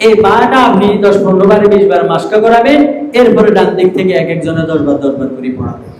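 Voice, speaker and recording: A man's voice: sits high, fast, a little mellow. A male Quran reading teacher giving an instructive training lesson to other teachers, often asking checking questions. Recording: echoey room with faint noise.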